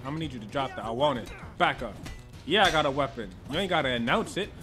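A man giving joking, slangy commentary as he plays through a video game, with loud reactions. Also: mid-range voice, animated, fast talker, music in the background. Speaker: gaming channel host. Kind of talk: casual playthrough commentary.

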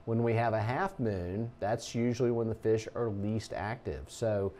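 A middle-aged man, a TV meteorologist giving a relaxed, folksy talk over slides. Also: fairly low pitch, a little slow.

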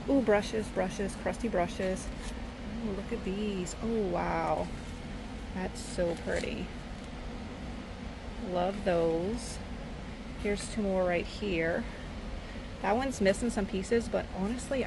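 Chatty woman with a gravelly voice. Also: fairly low pitch. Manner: enthusiastic, chatty, addresses viewers. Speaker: thrifting vlogger. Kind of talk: casual walkthrough narration. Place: large cluttered old store, indoors. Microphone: handheld phone camera, first-person. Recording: loud background noise in a store.

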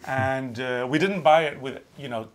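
A middle-aged man with a medium-pitched voice and moderate pace hosts and designs for a craft show-and-tell. A native Norwegian speaker, he chats casually in English from a small room lined with wood panelling.

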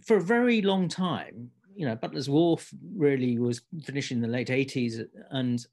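A man's voice: mid-range voice, moderate pace, darkish tone. A man, principal of an architecture practice, speaking in a panel discussion with many hesitant restarts.

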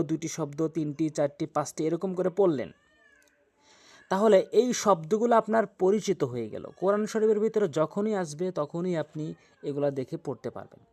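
A man teaching Quran reading in a step-by-step tutorial. He patiently spells out letters, repeats each word slowly several times, and gives viewers direct instructions. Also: high-pitched, creaky, a little mellow.

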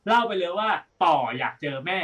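Man co-host, fired-up blunt reviewer, higher pitch, mic set back a little. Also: animated, a little fast, a bit bright, distant mic. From Thailand. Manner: blunt, heated ranting with profanity. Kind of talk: casual podcast chat.

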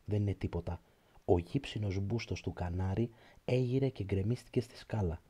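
A man reading a literary prose audiobook in a slow, measured, reflective way. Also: on the low side, dark tone, breathy edge. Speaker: audiobook narrator.

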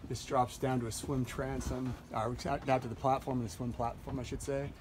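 This is a man in his forties, a yacht broker, touring a sailboat's deck and cabin in a marina and speaking into a handheld phone camera. His mid-range voice is fairly quick, casual and chatty, with lots of fillers and corrections of himself. Heavy background noise, including nearby music, fills the phone recording.

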